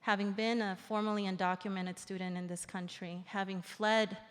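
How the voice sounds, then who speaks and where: Woman in her forties, from El Salvador, reflective public speech, mid-pitched, echoing theater hall. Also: level tone, smooth. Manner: earnest, reflective, slows for emphasis. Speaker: invited speaker. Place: large indoor theater.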